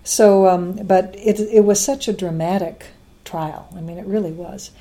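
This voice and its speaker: A woman's voice: medium pitch, steady tone, normal speed, warm tone. A middle-aged woman talking casually as an interview guest, chatty, often laughing, with many restarts and fillers. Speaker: guest, science education advocate. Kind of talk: interview conversation.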